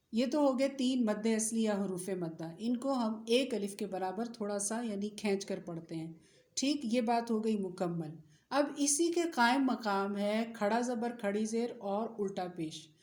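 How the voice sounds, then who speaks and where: A woman's voice: on the high side, darkish tone, echoey room. A woman teaching tajweed with a Pakistani Urdu accent, explaining patiently and drawing out example words. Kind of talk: recorded recitation lesson.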